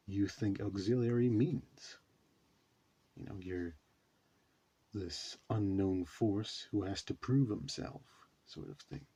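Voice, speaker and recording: A man's voice: sits low, mellow, husky. A man hosting a reaction video, talking casually and rambling with many fillers. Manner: rambling, says you know a lot.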